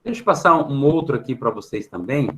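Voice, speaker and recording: Brazilian teacher with a tag-question habit. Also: male voice, mid-range voice, sing-song, background noise. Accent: Brazilian Portuguese. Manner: explains patiently, filling pauses with a questioning tag. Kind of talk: online class for middle schoolers. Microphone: computer mic on a video call.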